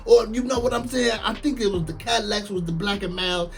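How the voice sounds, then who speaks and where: A man in his late thirties, a former prisoner, telling his story in casual, animated talk, full of slang and repeating lines for emphasis. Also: sits high, fairly quick. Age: late 30s.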